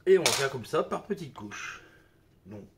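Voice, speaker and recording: A man hosting a cooking video speaks at a medium pitch and moderate pace, his pitch rising and falling widely, over background noise. He has a slight cold, keeps up a casual, filler-heavy chatter of "hop" and "hein," and utensils and dishes clatter around him.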